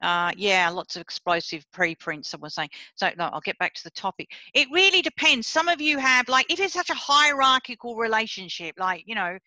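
Her voice a little high and sharp with big pitch swings, a middle-aged Sri Lankan woman professor talks a little fast with hardly any pauses. She leads a seminar over a video call, blunt and chatty, speaking directly to listeners in an informal academic setting. The recording is dry and rough.

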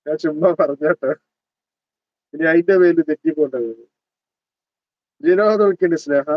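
A man's voice: a little high, moderate pace, no echo. A man in his thirties with a Malabar Malayalam accent hosts a live stream, chatting and teasing as he greets viewers by name. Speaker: livestream host. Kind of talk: casual live chat reading comments. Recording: dull lo-fi dry sound.

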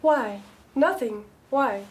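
In naturalistic film dialogue, an actress plays a prim, wounded woman who is icily polite to her boyfriend, passive-aggressive and full of sarcastic self-pity. Her voice is high and slow. The home living room has roomy echo and a faint background hum.

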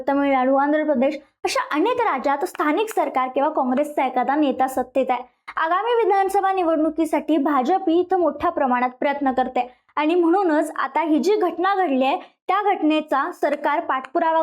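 A woman with a Marathi accent presenting a news explainer, walking viewers through events and speaking to them directly. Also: high-pitched.

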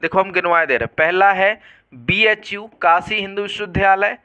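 Male exam tutor, high clear voice, quizzing style. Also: moderate pace, bright, forceful tone, lo-fi sound. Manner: quizzing, repeats questions back to students. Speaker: exam prep teacher. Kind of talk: online exam lesson.

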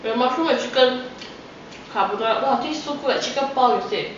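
A woman's voice: sits high, fairly quick. Woman talking while chewing, Malaysian English. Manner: excitable, exclaiming while tasting. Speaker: food vlogger. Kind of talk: casual food tasting vlog. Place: outdoor night market. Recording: distant, echoey, dull audio with market noise.

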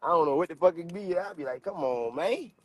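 A young man talks into his phone outdoors by a car, rambling and cursing casually. His voice sits a bit high, and clear street and car noise runs behind him. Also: expressive, a little fast. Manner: loose, profane, rambling. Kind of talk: casual livestream chat. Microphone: phone camera. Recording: played-back phone video with street noise.

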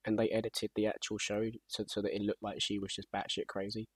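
A young man chatting casually with a friend while gaming, with a husky voice and dry, rambling humor. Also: fairly low pitch, monotone, brisk, no room sound. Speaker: co-host.

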